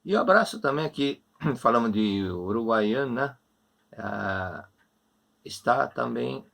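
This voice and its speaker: A Brazilian man leading an online religious class, answering questions with gentle, repetitive, reassuring advice. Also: medium pitch, animated, slow pace, creaky. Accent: Brazilian Portuguese. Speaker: religious lecturer.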